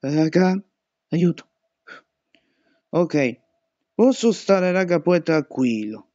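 A man's voice: fairly high pitch, animated, very slow, no room sound, muffled recording. A young man commentating a horror game, panicking and swearing at every scare. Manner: panicky, swearing and shouting at jumpscares. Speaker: gaming youtuber.

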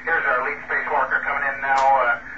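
Male astronaut heard over a radio, casual and halting, muffled signal with clear static. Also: mid-range voice, little pitch movement, roomy sound. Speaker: astronaut aboard a space station. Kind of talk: casual ham radio contact. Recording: muffled, distant, very noisy radio transmission.

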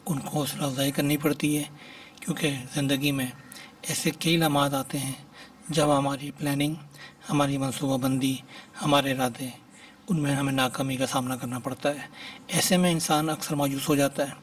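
A man teaching English expressions in a lecture, reading each phrase slowly and then explaining it. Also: medium pitch, little pitch movement, distant mic.

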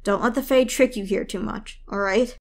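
A woman's voice: medium pitch, normal speed, close to an everyday voice. Brief: bold young female shifter, teasing and smirking, read by a woman narrator.

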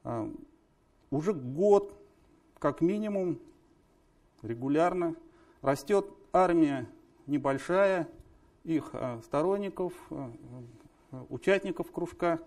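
Hesitant male moderator, higher-pitched. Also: expressive, darkish tone. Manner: hesitant, many drawn-out filler sounds. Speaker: discussion club moderator. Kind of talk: hosting a live panel discussion.

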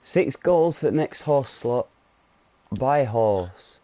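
A young man chatting casually while gaming with a friend, relaxed and amused. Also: medium pitch, slow pace, dry recording, muffled recording. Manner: laid-back, laughs at his friend. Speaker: co-player.

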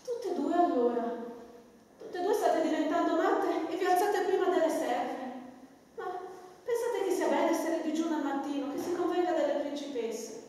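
Stage rehearsal: actress as a nagging old nurse, high voice, echoing church from afar. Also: female voice, animated, normal speed, mellow. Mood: fussing. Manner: scolding, nagging, theatrical. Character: scolding old female nurse, fussy and doting. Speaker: amateur stage actor. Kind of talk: theatre rehearsal acting. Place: large church hall. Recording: echoey church hall from far off.

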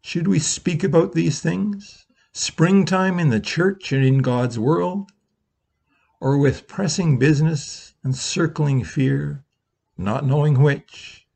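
A minister in his sixties reads a slow, reflective Easter meditation from his living room over a webcam, pausing at length. His voice is a little high, gravelly, slightly rough, and a little mellow.

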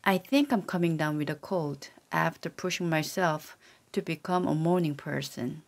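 A woman's deep, AI-generated voice reads repeated sentence drills for a language lesson at normal speed. The text-to-speech delivery is even and careful.

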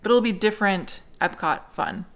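A woman's voice: mid-range voice, moderate pace. An American woman in her thirties giving a casual, conversational food review at home. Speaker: food and travel vlogger. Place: small living room at home, indoors on a couch.

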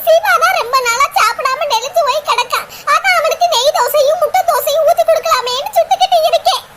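Cartoon village mother, fretful and scolding, very high pitch, Kanyakumari Tamil accent, noisy recording, voiced by a performer. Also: quick pace. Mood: worried. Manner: scolding, then wailing. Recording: loud clicks and background noise.

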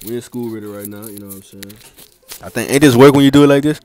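Heading to class across school hallways and grounds, a teenage boy vlogs and cracks jokes through interviews, loose, slangy, and laughing a lot. His male voice is mid-range with a darkish tone and a quick pace.

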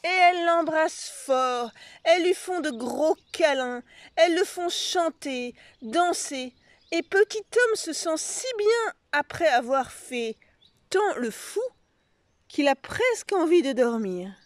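A woman reading a children's picture book aloud in a slow, expressive voice. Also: sits high, dry recording. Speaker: storyteller.

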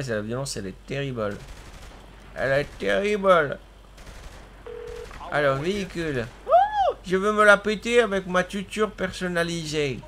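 Bright-voiced man commenting on his game. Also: medium pitch, slight background noise. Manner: chatty, exclaims at the action, laughs often. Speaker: streamer playing a video game with his cousin. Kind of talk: casual gaming commentary.

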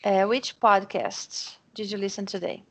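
A woman's voice: mid-range voice, fairly even intonation, slow pace. A Brazilian Portuguese-speaking woman teaching English in an online lesson over a video call, chatty and encouraging, often restarting her sentences as she explains.

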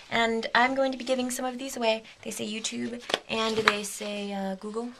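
In a small home video studio with a big red chair and green screen, a woman in her twenties vlogs close to a handheld camera, giggly, bubbly, and rambling, sleepy and a bit delirious, sometimes whispering. Her fairly high voice is creaky, bright, and forceful, with a little hiss or hum in the audio.

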